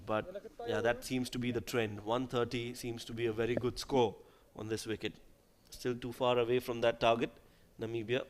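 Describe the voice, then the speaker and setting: A man's voice: mid-range voice, flat delivery, moderate pace. A man giving live cricket commentary in a conversational way, putting questions to his co-commentator.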